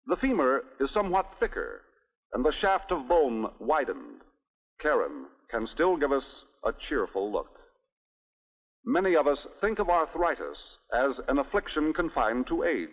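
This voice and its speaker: A man's voice: on the high side, husky. An American man narrating a scripted 1960s newsreel in the presentational manner of an old newsreel narrator, with rhetorical asides. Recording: dull 1960s newsreel soundtrack, reverberant.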